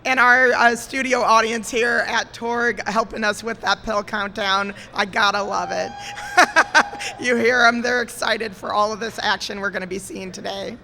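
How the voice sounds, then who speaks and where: A woman calling a live game match at a gaming expo, excitable and quick to laugh, her voice strained from cheering. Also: medium pitch, creaky, a little hiss or hum. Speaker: esports commentator.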